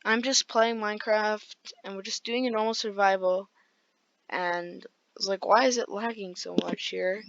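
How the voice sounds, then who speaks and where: A woman's voice: mid-range voice, fairly even intonation, moderate pace, no echo, dull audio. A woman with a groggy voice, rambling through casual gameplay commentary with lots of fillers. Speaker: gaming video creator.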